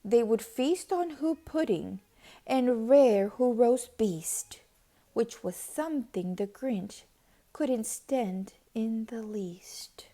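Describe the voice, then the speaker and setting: A woman reading a children's story aloud expressively, with deliberate dramatic pauses and emphasis. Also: a little high, expressive, dark tone. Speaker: storybook reader.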